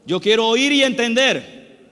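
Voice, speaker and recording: High-voiced preacher in a reverberant church. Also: male voice, animated, measured pace, pushed and bright. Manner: repeats phrases and asks the congregation questions. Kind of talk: sermon. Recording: reverberant hall with faint music.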